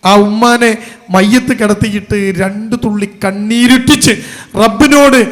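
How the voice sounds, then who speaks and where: A male Islamic preacher, telling a story emotively and pressing the audience with emphatic questions. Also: extremely high pitch. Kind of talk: sermon.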